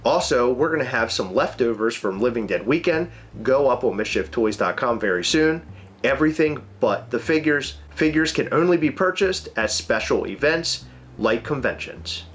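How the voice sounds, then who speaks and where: A man's voice: medium pitch, lively intonation, moderate pace. A man co-hosting a casual chat, joking and whiny, and congested with a cold. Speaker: co-host.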